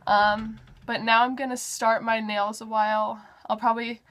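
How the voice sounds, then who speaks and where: A young woman in her twenties talks to her vlog audience in a bright, slightly high voice. Her chat is casual and upbeat, dotted with fillers like "um" and "like". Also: flat delivery, moderate pace. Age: 20s. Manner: chatty, upbeat, lots of "like" and "um". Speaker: vlogger.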